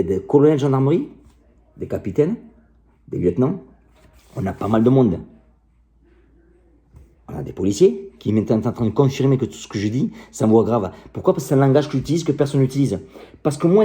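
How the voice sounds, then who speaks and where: Middle-aged male coach, deep warm timbre, combative and passionate, talks straight to camera. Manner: combative, heated, passionate, crude. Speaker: martial arts coach. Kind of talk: direct-to-camera rant.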